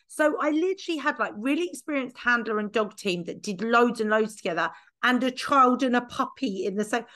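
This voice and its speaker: Woman dog-trainer host, slightly high pitch; chatty, self-deprecating. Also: lively intonation, brisk, a bit bright. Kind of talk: casual conversational chat.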